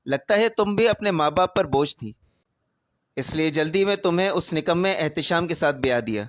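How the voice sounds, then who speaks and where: A man's voice: high-pitched, dry recording, close to an everyday voice. A man playing a spiteful taunting sister-in-law. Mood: mocking. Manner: mocking, sarcastic.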